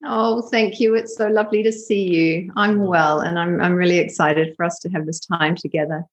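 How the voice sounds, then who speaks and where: A middle-aged woman talks as a podcast guest. Her voice sits a little low for a woman, and she speaks in a calm, measured, reflective way. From New Zealand. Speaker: meditation teacher, guest. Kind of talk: casual interview chat.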